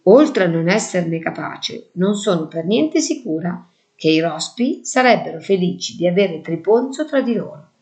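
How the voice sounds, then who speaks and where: Brisk, no-nonsense motherly woman for a storybook, read by a woman; firm and warm-hearted, with emphatic delivery. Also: lowish voice, lively intonation.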